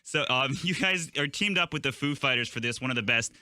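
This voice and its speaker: A man's voice: medium pitch, lively intonation, brisk, bright, forceful tone. A male radio host running an interview in an upbeat, chatty way.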